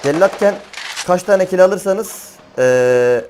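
A man's voice: on the high side, expressive, a little fast, darkish tone. A young man commenting on his gameplay as a gaming channel host, chatty, slangy and often exasperated. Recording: game gunfire noise underneath. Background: gunfire and game sounds.

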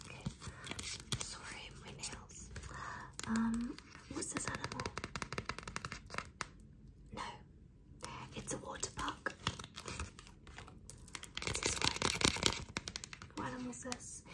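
A young woman in a fast whispered ASMR role-play, playing a businesslike kidnapper from another dimension examining a human captive, close to the microphone. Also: fairly high pitch, flat delivery. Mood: brisk, testing. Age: young adult. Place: small bedroom, indoors.

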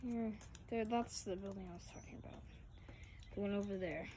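A woman chatting casually while filming a walk through overgrown grounds and derelict buildings on a handheld phone, now and then dropping into hushed asides. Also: medium pitch, fairly quick, a little hiss or hum. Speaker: vlogger exploring an abandoned farm. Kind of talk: casual handheld exploration vlog. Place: outdoors in an overgrown rural yard and derelict buildings. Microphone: phone camera held by the speaker.

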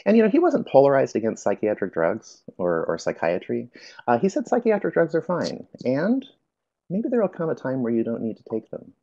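A man's voice: medium pitch, huge pitch swings, brisk, creaky, dark tone, highs cut off. A man presenting a workshop, telling his personal story in a reflective, hesitant way with frequent fillers.

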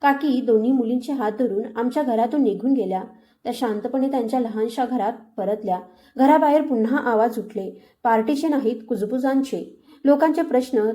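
A woman narrating a story in the first person, in a steady, heartfelt storytelling manner. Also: on the high side.

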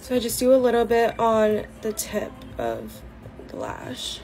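A woman's voice: a little high, sing-song, measured pace, a little mellow, soft background music, low-quality recording. A teenage girl chatting casually through a get-ready-with-me makeup vlog, full of fillers like "like" and "um". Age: late teens. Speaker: beauty vlogger.

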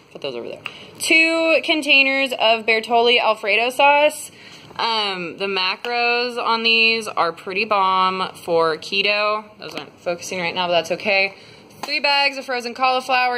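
Filming a grocery haul vlog, this twentysomething woman chats loosely with lots of fillers, phone camera at arm's length, moving from her parked car to a home kitchen. She sounds medium-pitched, bright and pushed, with a bit of hiss or hum underneath.

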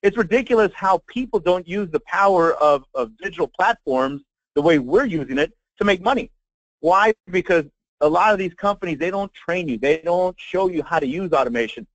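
American male marketing trainer, slightly high voice, folksy and emphatic hard sell on a live online session, muffled lo-fi call audio. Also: animated, normal speed, dry recording. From Texas, United States. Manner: emphatic sales pitch, folksy, addresses listeners directly. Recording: dull lo-fi web conference audio.

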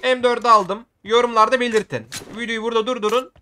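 High, bright-voiced excitable gamer man. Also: fast talker, slight background noise. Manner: excitable, shouts at the game, slangy. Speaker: gaming video creator. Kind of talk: live gameplay commentary.

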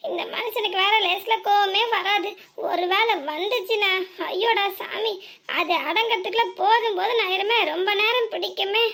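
A woman's voice: extremely high pitch, steady tone, moderate pace, fairly bright tone. A woman voicing a nervous young village daughter-in-law with a southern Tamil Nadu accent, muttering worried asides to herself.

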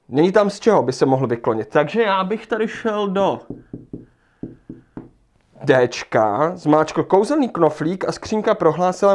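A man's voice: a little high, darkish tone. A man leading a livestreamed lesson, thinking aloud as he rereads passages and works through an exam task. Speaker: Czech language teacher.

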